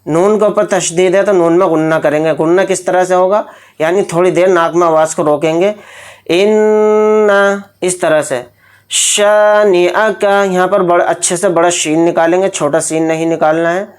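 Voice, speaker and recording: This man's voice sits slightly high with a fairly steady intonation. He's giving a tajweed lesson, patiently walking through each rule of Quran recitation one step at a time, then chanting verses in a slow, drawn-out way.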